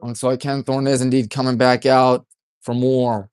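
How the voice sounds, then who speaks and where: A man doing play-by-play radio commentary for a high school baseball game from a press box, folksy and partisan, keeping his voice deliberately restrained. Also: level tone, clear, resonant tone, no echo, studio quality. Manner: folksy, chatty, partisan toward home team; deliberately restrained, hushed delivery.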